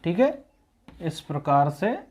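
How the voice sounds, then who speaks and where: A man's voice: fairly high pitch, sing-song, slow, darkish tone, slightly rough. Male tutor, exam-prep grammar lesson; patient, explanatory, drills key points. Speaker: teacher.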